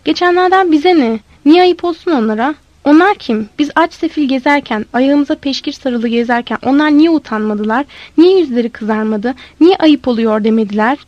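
A woman's voice: high-pitched, normal speed, few pauses, no room sound, dull audio, lightly acted. Woman doing a pushy, fiery street boy. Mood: fierce. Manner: loud and insistent, scolding.

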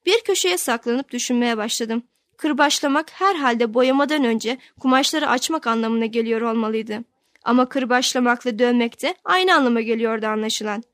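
A woman reads a novel aloud in the first person, keeping a steady storytelling pace. Her voice sits on the higher side and the recording is dry and close. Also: moderate pace, no room sound. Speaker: audiobook narrator. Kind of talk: scripted narration of a novel.

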